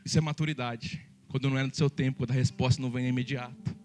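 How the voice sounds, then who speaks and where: A male pastor preaching a sermon, lively and joking, speaking straight to the congregation. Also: mid-range voice, fast, faint music behind.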